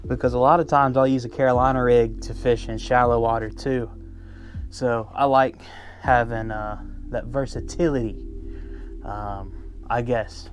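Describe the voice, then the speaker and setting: Chatty man explaining fishing rigs. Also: mid-range voice. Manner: chatty, lots of ums and restarts, addresses viewers as guys. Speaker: fishing vlogger. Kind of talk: casual how-to talk. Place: on a boat on a river. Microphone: first-person camera.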